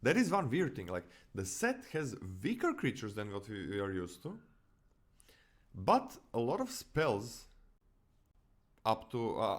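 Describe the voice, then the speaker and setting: Animated Croatian-accented man. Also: on the low side. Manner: animated, many restarts and self-corrections. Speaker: podcast co-host. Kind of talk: casual card-review chat.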